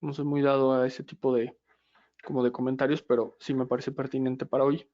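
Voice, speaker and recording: A man's voice: medium pitch, little pitch movement, brisk, a little mellow, highs cut off. A male lecturer, explaining step by step and checking in with the class again and again. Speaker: lecturer in systemic therapy.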